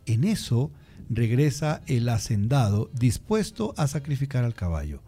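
A man hosting a show, telling a fable in a lively, expressive way. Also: mid-range voice, measured pace. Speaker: host. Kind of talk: storytelling a fable on a radio-style show.

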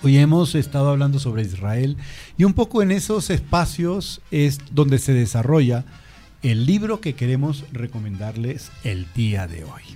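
A man hosting a show, telling a fable in a lively, expressive way. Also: mid-range voice. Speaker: host. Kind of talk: storytelling a fable on a radio-style show.

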